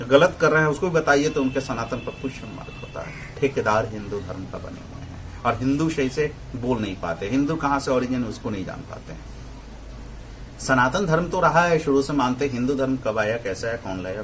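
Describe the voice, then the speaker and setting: A man giving a pronunciation lesson, demonstrating vowel sounds slowly and often checking in with his listeners. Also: mid-range voice, fairly bright tone, a little hiss or hum. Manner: digresses into opinionated asides. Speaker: Hindi pronunciation teacher. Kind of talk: lecture explaining vowel articulation.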